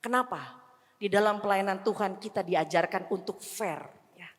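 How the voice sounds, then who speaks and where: A woman from Indonesia gives a heartfelt sermon testimony, her voice at a middle pitch. Now and then her words climb into pleading cries, and she slips English phrases in among the rest. Her voice rings with the long reverb of a church hall. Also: moderate pace. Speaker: guest speaker at church revival seminar.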